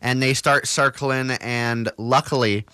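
A man's voice: medium pitch, fairly even intonation, takes it slowly, pushed and bright, smooth, dry recording. A young man hosting a college radio show, chatting casually and telling stories in a rambling, self-correcting way. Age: young adult.

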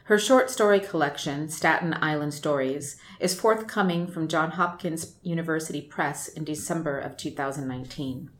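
Low-voiced woman reading a guest bio. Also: normal speed, hardly any pauses. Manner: even, formal reading. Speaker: podcast presenter introducing a guest. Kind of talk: scripted bio introduction.

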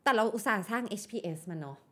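A woman's voice: mid-range voice, expressive, very fast. A woman guest on a podcast, telling candid stories about her work in a casual way and mixing in English words. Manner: acts out her past strict voice when quoting herself. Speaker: guest artist.

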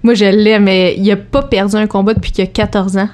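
A woman with a Québécois accent, a boxer guest telling lively anecdotes in a casual chat. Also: mid-range voice, fairly quick. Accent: Québécois French. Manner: animated anecdote teller, acts out quotes.

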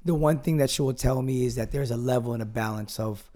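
A man's voice: mid-range voice, fast, warm tone. A young man in casual conversation as a podcast guest, talking earnestly with lots of fillers and restarts. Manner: rambling, filler-heavy, earnest.

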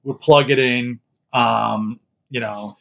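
A man's voice: medium pitch, fairly even intonation, slow pace, vocal fry, fairly bright tone, highs cut off. A man co-hosting a casual movie podcast, making wry joking asides and complaints. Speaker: podcast co-host.

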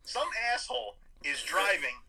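A man tells a story in an easygoing chat, animated and swearing freely. His voice sits a little high, with a bright, forceful edge. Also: normal speed, creaky, husky, poor audio. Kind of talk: casual chat.

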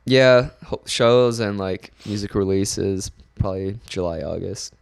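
A young man, a guest on a casual podcast chat, laid-back and joking, often trailing off quietly. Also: lowish voice, measured pace, gravelly, smooth, no room sound, clean studio sound.

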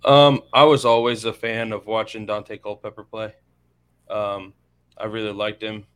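American guy, 30s, talking sports casually, crisp clean voice. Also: fairly low pitch, flat delivery, unhurried, a bit bright. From central Florida, USA. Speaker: sports podcast panelist.

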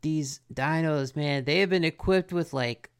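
A gravelly man co-hosting a podcast, talking in a loose, slangy, laid-back way. His voice has a rough, fried edge, and he chats casually as he recaps a cartoon episode. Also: a little high. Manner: laid-back, slangy, drawn-out dude talk. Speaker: podcast co-host.

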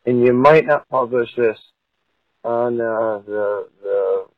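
A man rambles drunkenly through a crude voicemail message, his voice coming over a landline phone. The line sounds dull and lo-fi, and the voice is dry and close with no room around it. His pitch sits in the middle for a man. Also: slow pace, dry recording. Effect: heard over a phone line as a voicemail. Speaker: voicemail caller.

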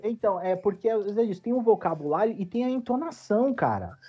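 A man's voice: high voice, very animated, brisk, husky. A man chatting casually on a podcast, playful and emphatic, full of slang. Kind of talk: casual group chat. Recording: slightly dull lo-fi sound with faint music.

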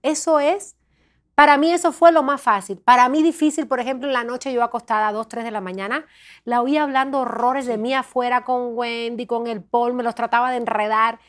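A woman, a podcast guest recounting reality show moments with lively, dramatic storytelling that often grows loud. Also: fairly high pitch, fairly quick. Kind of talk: animated storytelling chat.

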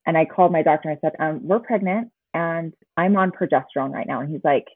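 A woman in her forties from Utah, a podcast guest telling her story in a casual, animated way. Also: deep voice, no room sound. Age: 40s. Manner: animated storytelling, frequent quick agreement. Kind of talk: casual interview conversation. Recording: tinny phone-like remote line, dry.

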